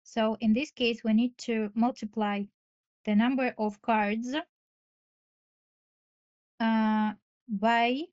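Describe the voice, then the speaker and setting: A woman's voice: fairly high pitch, level tone, unhurried, darkish tone, dull audio. A woman answering as a candidate in a formal case interview, nervous and hesitant, often searching for her words.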